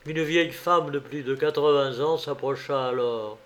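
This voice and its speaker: A man reading a folk tale aloud in a measured, even way. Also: medium pitch. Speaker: narrator. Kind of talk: storybook reading.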